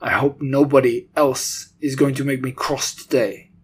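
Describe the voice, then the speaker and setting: A man's voice: mid-range voice, fairly even intonation, slight background noise, close to an everyday voice. Man voicing a tyrannical, screaming witch queen. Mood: cold, gloating. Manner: imperious, screaming, drawn-out menacing delivery. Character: tyrannical female Grand High Witch, cruel and furious. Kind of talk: dramatic children's audiobook character voice.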